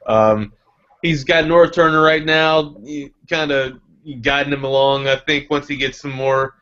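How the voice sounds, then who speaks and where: A man's voice: fairly high pitch, fairly even intonation, a little slow, a bit bright, clear, resonant tone. A man co-hosting a fantasy football podcast, rambling in casual chat with many restarts. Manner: rambling, many restarts and fillers, laughs easily. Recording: dull lo-fi audio.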